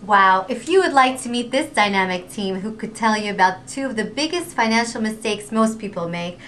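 A woman in her thirties hosts a promotional community TV interview in an office with a red wall, speaking enthusiastically into a handheld mic. Her mid-range voice is animated and fairly bright, and she spells out a web address slowly.

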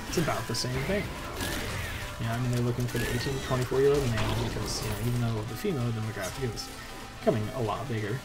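A man's voice: mid-range voice, poor audio. A young man rambling drunkenly and profanely in a loose, repetitive casual rant while he streams a game. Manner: loose, circling, repeats himself. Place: indoor room, streaming at a computer. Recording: loud game music behind. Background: loud game music.

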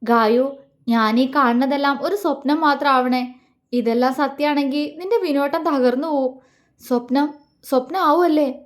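A woman's voice: sits high, unhurried. A woman voicing a grieving young man torn between two loves, pleading and anguished in an audio story. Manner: anguished, pleading inner monologue.

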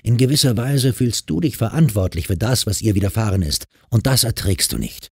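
Audiobook: narrator doing a patient, caring man, very deep, husky voice, dry sound. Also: brisk, dry recording, exaggerated voice. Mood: earnest. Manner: calm, patient, persuasive. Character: calm, caring grown man who counsels a troubled girl.

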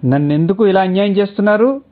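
A man's voice: mid-range voice, quick pace, husky, lightly acted. A man voicing a tearful young wife who pleads in broken, sobbing speech in a storybook reading. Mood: pleading. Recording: tinny phone-like audio.

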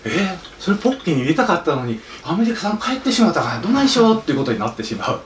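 A man, a film director, speaking to an audience at a talk event, animated and storytelling, now and then slipping into playful dialect impressions. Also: high-pitched, rapid-fire. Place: theater or event hall. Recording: roomy hall, distant mic, faint noise.

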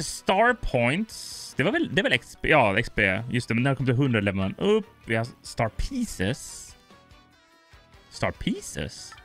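A man's voice: medium pitch, a bit bright. A man hosting a gaming channel, chatting casually as he plays, stammering and laughing often. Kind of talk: casual let's play commentary.

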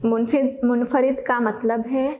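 A woman teacher giving a slow classroom lesson, repeating words for dictation and correcting herself mid-sentence. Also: a little high, flat delivery, darkish tone, lo-fi sound.

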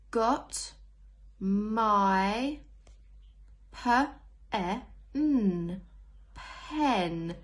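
A young primary school teacher with a fairly high-pitched voice leads a read-along phonics lesson for small children. She sounds out words letter by letter and puts questions to the kids.

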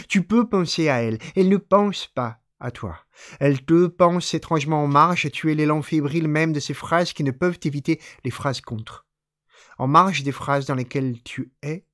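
A man hosting a live poetry reading, reciting texts slowly and deliberately and chatting casually with listeners between poems. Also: a little high, a bit bright, no room sound, clean studio sound. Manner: slow measured recitation, then chatty offhand remarks. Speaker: poetry reader and stream host.

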